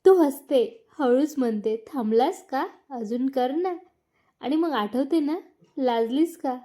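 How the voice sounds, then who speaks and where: A woman's voice: sits high, slow pace, mellow. A woman voicing a young husband who teases, then pleads and scolds, read as a storybook. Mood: teasing. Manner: playful teasing, later scolding. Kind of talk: storybook narration.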